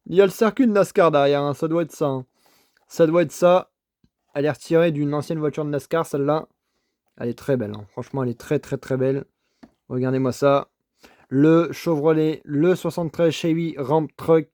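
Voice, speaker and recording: A man's voice: fairly high pitch, a little mellow, no room sound, clean studio sound. Eager French man showing toy cars. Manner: enthusiastic, repetitive praise, stammers and restarts. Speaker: toy car collector vlogger. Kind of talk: casual unboxing commentary. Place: home desk setup.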